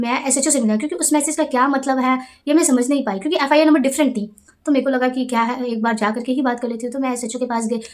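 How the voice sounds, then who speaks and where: A young woman vlogger telling a story casually, with animated, indignant retelling and quoted dialogue. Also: high voice. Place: Delhi.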